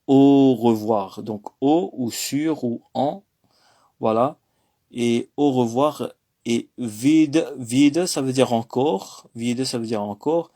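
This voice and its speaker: Slow, hesitant man teaching a lesson. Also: medium pitch, a little mellow. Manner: hesitant, many fillers and self-corrections; repeats words slowly for practice. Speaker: language teacher. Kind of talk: casual spoken language lesson.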